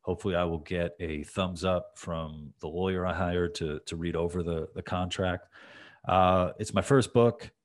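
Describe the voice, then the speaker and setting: A man's voice: low voice, fairly even intonation, normal speed. A man hosting a podcast interview, chatting casually in a loose, rambling way with many restarts. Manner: loose, rambling, full of restarts and "you know". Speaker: podcast host.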